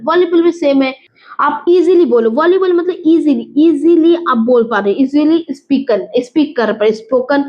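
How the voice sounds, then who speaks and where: A woman teaching an exam vocabulary lesson, explaining slowly, repeating words and asking and answering her own questions. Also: high-pitched, a little mellow, dull audio. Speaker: English teacher.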